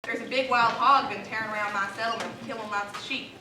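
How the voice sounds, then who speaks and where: Young woman doing an old Southern king, boastful, rapid drawl, echoey room from afar. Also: on the high side, close to an everyday voice. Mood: eager. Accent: traditional Southern American. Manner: rapid folksy drawl, excitable. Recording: echoey room, far mic, noise.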